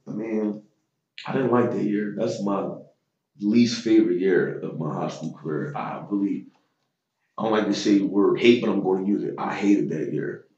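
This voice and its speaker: A man in his thirties telling stories about his high school football days in a loose, slangy way with lots of fillers. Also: darkish tone, echoey room, highs cut off. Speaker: interview guest, former football player. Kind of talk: casual storytelling interview.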